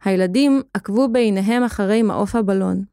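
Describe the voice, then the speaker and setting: A woman giving a steady, expressive scripted narration of a children's story. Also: mid-range voice, smooth, no echo, clean studio sound.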